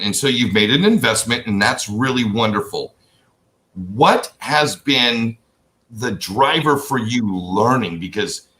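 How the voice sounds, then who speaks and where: A man's voice: medium pitch, sharp tone. Older male interview host, chatty. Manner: enthusiastic, rambling with restarts. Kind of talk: casual interview chat.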